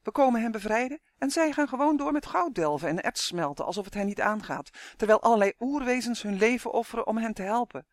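A man's voice: very high voice, lively intonation, no room sound, studio quality, voice pushed up. Man doing a chatty, cheeky little elf. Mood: indignant. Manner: chattering, quick.

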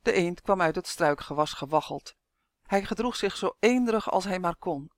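A narrator reading a children's fantasy story aloud in a steady, expressive way. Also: mid-range voice, moderate pace, no echo. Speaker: audiobook narrator.

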